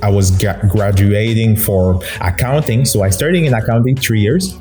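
A man's voice: on the low side, moderate pace, dark tone, faint music behind. A man with a Togolese accent, a guest telling his story in a casual interview, often repeating words for emphasis. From Togo. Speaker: podcast guest, DJ and dance teacher.

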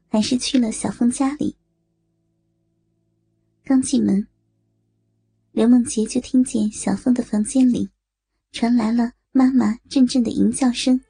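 Slow, husky woman narrator. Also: a little high, warm tone. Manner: slow, measured reading. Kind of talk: storytelling narration.

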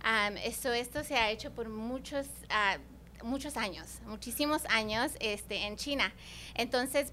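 Mujer con español de acento estadounidense, voz aguda. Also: female voice, fairly high pitch, sharp tone, slight background noise. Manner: hesitant, searches for Spanish words, mixes in English. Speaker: placenta encapsulation provider, interview guest. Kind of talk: conversational explanation.

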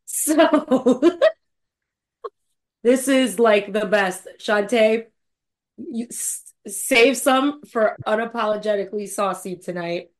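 A woman's voice: fairly high pitch, lively intonation, slow. A woman co-hosting a casual podcast panel, laughing often, swearing and speaking with emphatic outrage. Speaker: podcast co-host.

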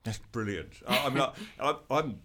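A man hosting a conversational talk, relaxed with stumbling restarts. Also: mid-range voice, moderate pace. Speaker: host.

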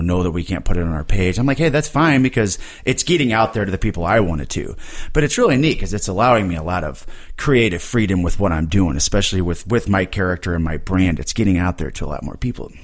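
A man who wrestles, hosting a podcast and chatting loosely about his ideas, swearing freely and laughing easily. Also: on the low side. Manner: laid-back, swears a lot, laughs easily. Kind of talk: casual podcast chat.

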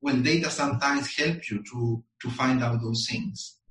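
A man from Chile, answering interview questions in a measured way and pausing often with ums and uhs. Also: mid-range voice, fairly bright tone, recorded from a distance. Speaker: guest. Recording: echoey room, voice a bit off-mic.

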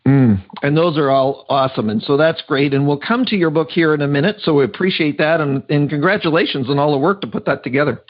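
A man's voice: on the high side, quick pace, few pauses, muffled recording. A man hosting a podcast interview, asking questions and affirming his guest in an encouraging way. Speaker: podcast host.

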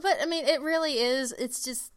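A woman's voice: high-pitched, moderate pace, no room sound. A woman co-hosting a podcast in casual chat, speaking frankly and emphatically, with casual swearing. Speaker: podcast co-host.

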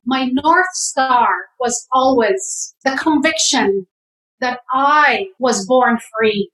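A woman from Jerusalem, appearing as an interview guest, gives fervent, urging advice and often repeats herself for emphasis. Her high, fairly bright voice moves slowly, captured by a camera mic in an echoey room.

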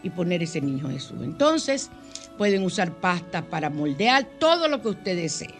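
A woman's voice: on the low side, sing-song, moderate pace, faint music behind. An older woman hosting a spiritual call-in radio show, chatty, affectionate and emotional. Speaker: radio host.

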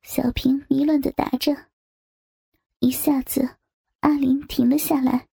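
A woman narrating an erotic story in a hushed, half-whispered reading. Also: high-pitched, little pitch movement, unhurried, vocal fry, dry recording, studio quality. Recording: faint background music.

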